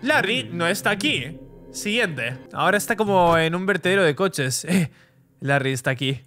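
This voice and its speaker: Young gamer, high bright voice, chatty let's-play commentary. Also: male voice, animated, normal speed, faint music behind. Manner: chatty, reads game text aloud. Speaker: gaming YouTuber.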